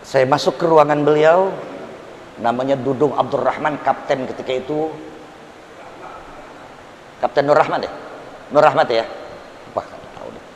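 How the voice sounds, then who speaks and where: An older man preaching a study-circle sermon, telling stories with loud bursts and low asides. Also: moderate pace, pauses often. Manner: storytelling, swinging from loud outbursts to low asides. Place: large mosque hall. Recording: hiss, long reverb in a hall.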